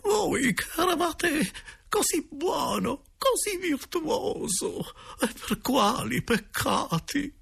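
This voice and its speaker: A man's voice: very animated, takes it slowly, gravelly, fairly bright tone, heavily acted. A man doing a wailing tearful old lady. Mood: tearful pleading. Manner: wailing, pleading falsetto. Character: shrill tearful older woman pleading with a ghost.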